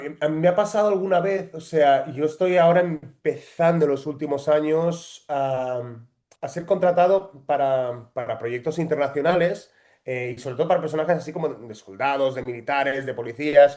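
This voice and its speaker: Chatty actor. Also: male voice, fairly high pitch, moderate pace, a little mellow. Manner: chatty storyteller, frequent hesitations. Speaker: actor guest. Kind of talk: casual interview.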